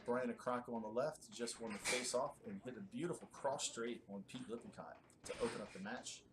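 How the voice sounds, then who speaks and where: A man's voice: medium pitch, steady tone, brisk. Casual man commentating, noisy feed. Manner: casual, chatty, many fillers. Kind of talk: live play-by-play commentary.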